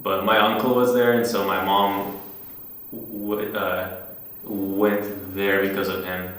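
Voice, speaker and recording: A man's voice: low voice, little pitch movement, takes it slowly, fairly bright tone, slight background noise. A teenage boy from Iraq, answering interview questions about his childhood in a casual, hesitant way with many restarts. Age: teens. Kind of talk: casual oral history interview. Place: university hall room. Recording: echoey room from a distance.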